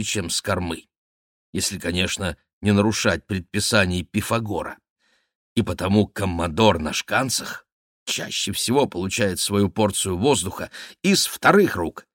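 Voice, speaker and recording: A man reading a classic novel aloud in measured, expressive narration. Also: fairly low pitch, dry recording, clean studio sound. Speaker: audiobook reader. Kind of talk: scripted literary narration.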